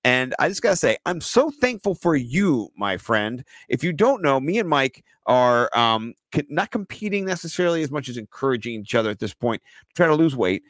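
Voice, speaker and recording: A man co-hosting a casual podcast who laughs a lot and gets loud and excited when something strikes him as funny. His voice is mid-pitched. The sound is dry and close, with no room behind it. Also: brisk, dry recording. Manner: laughs often, animated and excitable when amused. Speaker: podcast co-host. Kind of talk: casual chat.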